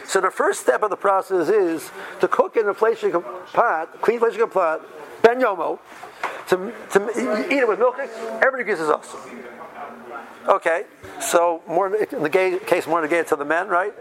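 A man's voice: sits high, normal speed, fairly bright tone. A man giving an informal religious lesson, talking through everyday examples and checking in with short questions. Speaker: religious law teacher.

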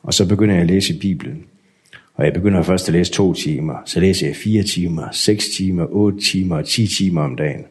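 A man telling his personal story in a candid, unhurried way, acting out remembered conversations. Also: deep voice, darkish tone. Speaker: guest sharing a testimony.

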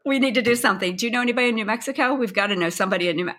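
A middle-aged woman from Pennsylvania co-hosting a casual podcast chat. Her tone is bright and clear, and she laughs often mid-sentence in a chatty, easygoing way. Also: on the high side, very fast. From Pennsylvania, United States. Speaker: podcast co-host.

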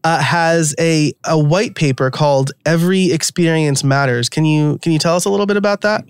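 A man's voice: fairly high pitch, fairly quick, clean tone, no room sound. A middle-aged man with a New York accent, hosting a casual, conversational podcast interview. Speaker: podcast host.

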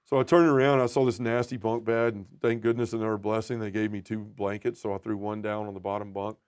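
A man telling his personal testimony as a podcast guest, earnest and emotional, often dropping to a soft, quiet voice. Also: lowish voice, little pitch movement, fast talker, smooth.

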